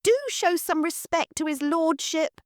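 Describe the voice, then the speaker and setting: A woman's voice: extremely high pitch, steady tone, unhurried, no room sound, studio quality, pitched above the performer's own voice. A woman voicing a haughty, bossy social-climbing lady of the house who snaps out orders. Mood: haughty, snappish. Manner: snappish, bossy, prim.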